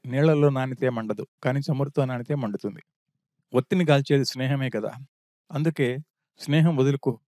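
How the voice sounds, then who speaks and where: A man reading as an earnest younger brother, dark-voiced. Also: mid-range voice, normal speed, long pauses, no echo, studio quality, lightly acted. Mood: exhorting. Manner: earnest, exhorting. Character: loyal younger brother urging courage.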